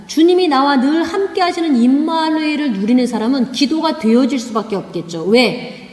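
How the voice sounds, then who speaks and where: Woman preacher, high animated voice, pushes points hard w/ questions, roomy church echo. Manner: emphatic, repeats rhetorical questions. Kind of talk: sermon. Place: church sanctuary. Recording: echoey church hall.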